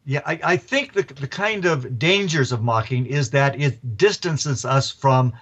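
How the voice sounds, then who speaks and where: A man, an author and professor, telling stories as a radio interview guest in a lively, chuckling way. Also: medium pitch, unhurried, slightly rough, highs cut off.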